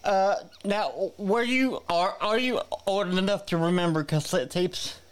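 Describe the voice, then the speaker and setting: A chatty man in his forties hosts a relaxed interview and asks friendly questions. He doubles up on words as he goes. His voice is slightly high and notably smooth and resonant. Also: measured pace. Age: 40s. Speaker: host. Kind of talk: casual interview.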